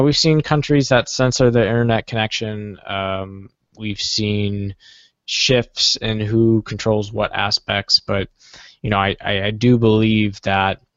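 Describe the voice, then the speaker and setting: Male guest, thoughtful and hedging, low voice, dry lo-fi recording. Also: fairly bright tone, no room sound. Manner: measured, hedging with fillers. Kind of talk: casual discussion.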